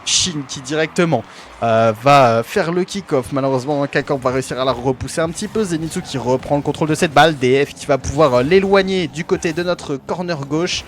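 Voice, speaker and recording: A man's voice: fairly high pitch, a little fast, a little hiss or hum. A man giving amateur play-by-play commentary on an esports match for his own team, hesitant, with many fillers and self-corrections.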